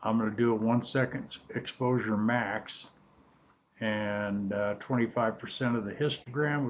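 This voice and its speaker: A man giving a casual, halting hands-on tutorial in an informal, laid-back way, recorded on a laptop's built-in microphone with poor sound. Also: mid-range voice, muffled recording, slight background noise. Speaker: DIY tutorial host.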